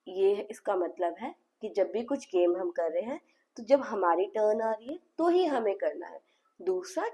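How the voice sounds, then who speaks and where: A woman's voice: medium pitch, mellow. Woman speech therapist explaining to parents. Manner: mixes English phrases into the talk, acts out the therapy dialogue.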